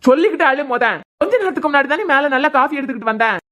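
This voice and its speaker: A woman's voice: sits high, animated, racing, fairly bright tone, pitched below the performer's own voice. A woman voicing an irritated young groom in a cartoon, with a Kanyakumari Tamil accent and a curt, scolding way of talking. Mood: impatient. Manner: brusque, scolding questions.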